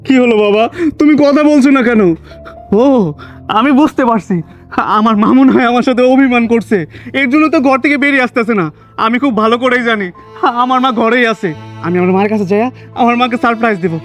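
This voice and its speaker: A man's voice: extremely high pitch, quick pace, faint music behind. A man playing a wailing, grief-stricken young son. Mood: desperate pleading. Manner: pleading, wailing, repeating himself. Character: distraught young son, frantically searching for his dead mother. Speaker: actor in a short drama. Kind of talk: melodramatic drama acting.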